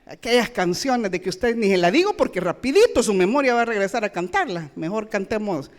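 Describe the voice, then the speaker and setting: A woman's voice: mid-range voice, sing-song, fairly quick. A woman pastor, preaching a sermon with rhetorical questions and playful asides.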